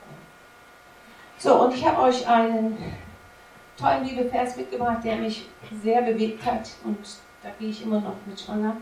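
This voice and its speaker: A woman's voice: fairly high pitch, level tone, moderate pace, creaky, darkish tone, slight background noise. A woman preaching a sermon to her congregation, emphatic and full of rhetorical questions. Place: church service. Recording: echoey room from a distance, faint ambience.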